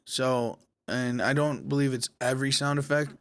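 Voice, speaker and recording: A man hosting a casual software tutorial, talking viewers through each step in a relaxed, conversational way. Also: mid-range voice, moderate pace, clear, resonant tone, dry recording. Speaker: tech tutorial host. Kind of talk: screen-recorded software tutorial.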